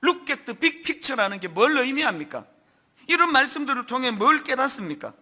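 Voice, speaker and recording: A middle-aged man delivers an earnest sermon from a church pulpit. His voice sits high and bright, swinging widely in pitch as he poses rhetorical questions and reads scripture aloud. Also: sing-song, moderate pace. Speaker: pastor. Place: church sanctuary.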